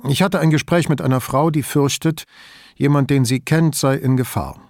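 A man voicing an older male police commissioner who speaks calmly and wryly. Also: medium pitch, normal speed, no room sound, close to an everyday voice. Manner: calm, dry, wry. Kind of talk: audiobook character voice.

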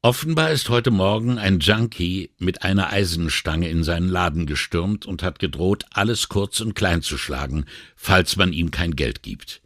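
A man's voice: deep voice, moderate pace, few pauses, a bit bright, no room sound, clean studio sound. A man voicing a weary, indignant middle-aged male police inspector in an audiobook, sighing and exasperated. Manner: sighing, exasperated and morally upset. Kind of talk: audiobook character reading.

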